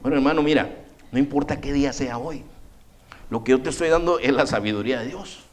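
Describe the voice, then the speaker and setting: A man preaching a sermon in a church, animated, addressing listeners as brother and acting out biblical characters' voices. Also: medium pitch, fairly quick. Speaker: pastor.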